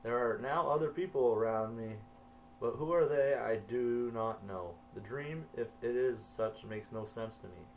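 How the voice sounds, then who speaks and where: A man in his forties or older telling his own story in a measured, brooding, quietly puzzled way. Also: mid-range voice, a little hiss or hum, low-quality recording. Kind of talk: reflective first-person storytelling.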